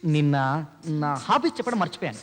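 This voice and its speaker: A man's voice: a little high, brisk, lightly acted. A young man in a film scene, talking playfully with his friends and a girl he likes. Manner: lively, playful banter. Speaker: young college man, lead. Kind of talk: film dialogue. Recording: film soundtrack with reverb and background score.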